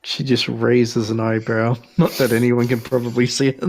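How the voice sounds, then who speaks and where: A woman's voice: extremely low pitch, level tone, normal speed, darkish tone, a little hiss or hum. A woman playing a tabletop role-playing game, casually describing what her character does.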